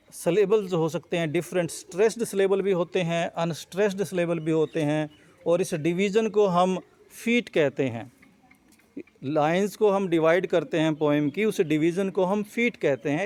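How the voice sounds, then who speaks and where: A man's voice: sits high, darkish tone. A male teacher giving an explanatory lecture on poetry, repeating and rephrasing each point with fillers. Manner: reads English lines slowly, then explains in Hindi.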